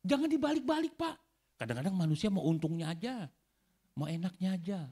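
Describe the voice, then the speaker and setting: Male pastor, animated sermon delivery, slightly high voice, lively pitch. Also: brisk, slightly rough. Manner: animated preaching, often addressing the congregation directly. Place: church hall.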